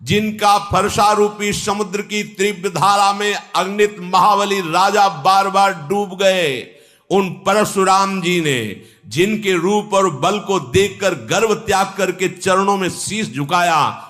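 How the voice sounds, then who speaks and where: A man's voice: fairly high pitch, animated, unhurried, fairly bright tone. A male preacher voicing a bold, loyal monkey warrior envoy who rebukes fervently. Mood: stern rebuke.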